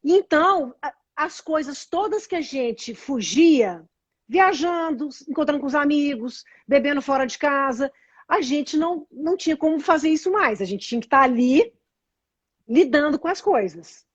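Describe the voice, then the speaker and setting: A woman's voice: sits high, lively intonation, normal speed, dry recording, lo-fi sound. A woman with a Brazilian Portuguese accent, hosting a casual live chat and earnestly explaining ideas while often restarting her phrases. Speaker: host explaining meditation and nonviolent communication.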